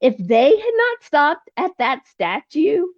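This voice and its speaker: A woman guest telling her story in a casual, animated way, acting out conversations with laughter. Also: high voice, slow, no room sound, lo-fi sound. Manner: animated, acts out dialogue with laughs. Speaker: podcast guest, pilgrim.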